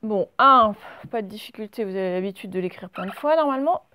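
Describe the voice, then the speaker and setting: This primary school teacher has a mid-range voice that is expressive, pushed and bright, with a clear, resonant quality. Standing at the classroom blackboard, she walks the children through cursive writing in slow, patient steps for a recorded handwriting lesson.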